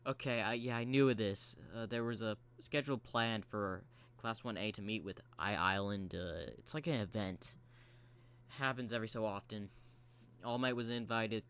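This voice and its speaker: A worn-out male robot fox grumbles through his lines, as a man plays him. He stumbles and pauses, sounding half asleep. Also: on the low side, fairly bright tone, smooth. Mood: hesitant. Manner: sleepy, hesitant, full of filler words.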